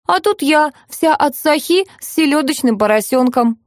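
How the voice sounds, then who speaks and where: Voiced by a woman narrator, a fussy middle-aged hostess spills her sugary, breathless gush in a raised, lively voice. Every dish gets a cooing pet name. The sound is close and dry, with no room around it. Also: sits high, normal speed, no echo, pitched above the performer's own voice. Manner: sugary, breathless, full of pet-form words.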